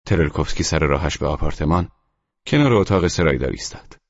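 A man narrating an audiobook novel in a measured, even storytelling manner. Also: a bass voice, breathy edge, no echo. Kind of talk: scripted literary narration. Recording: muffled lo-fi audio.

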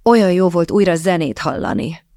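A woman voicing a proud, quick-tongued young maid in an audiobook, answering in a pert, indignant way. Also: fairly low pitch, mellow, no room sound, studio quality, natural voice.

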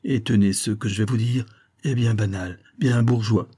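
A man reading aloud voices an impatient, jealous young Parisian gentleman of about twenty-five, agitated and pleading. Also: fairly low pitch, steady tone, moderate pace, breathy edge.

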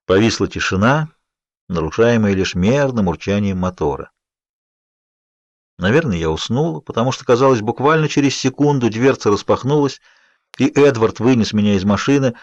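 Man, audiobook narrator, measured, even, dry close recording. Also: mid-range voice, dry recording, lo-fi sound. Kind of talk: scripted first-person narration.

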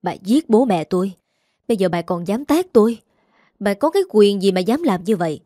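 A woman's voice: mid-range voice, animated, moderate pace, dry recording, lightly acted. Defiant scheming young woman, voiced by the narrator, accusing, bitter; dry close audiobook sound. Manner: accusing, sharp-tongued.

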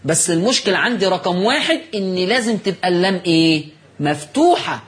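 A man with an Egyptian accent hosting a broadcast recitation lesson. He asks his listeners questions, answers them himself, and reads notes slowly with stress on key words. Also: high-pitched, animated. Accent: Egyptian Arabic. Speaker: Quran recitation teacher and TV host.

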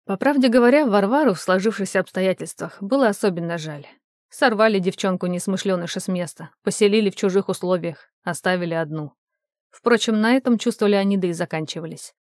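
A woman reading an audiobook with steady, measured narration at a middle pitch. The recording is dry and close, with no room around her voice. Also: no room sound.

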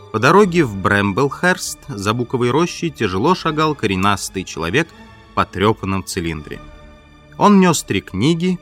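A man narrating an audiobook in a measured, even storytelling manner. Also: on the low side. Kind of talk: scripted narration.

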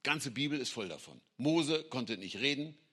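A middle-aged man preaching an energetic sermon, acting out quotes and sometimes shouting. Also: medium pitch, normal speed, husky. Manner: animated, acts out quotes and voices, sometimes shouts.

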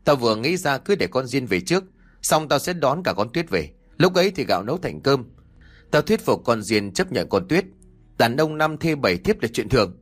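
A man's voice: mid-range voice, very animated, normal speed. A man voicing an old village mother who scolds her son in long, shrieking tirades. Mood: scheming.

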